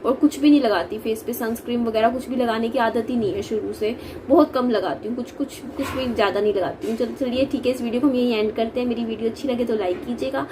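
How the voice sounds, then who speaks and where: A young woman with a high, bright voice talks chattily to her viewers in a casual family vlog, often breaking into laughter between loose, hesitant sentences. A faint hiss of background noise sits under her voice. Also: fairly even intonation, fast. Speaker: vlogger.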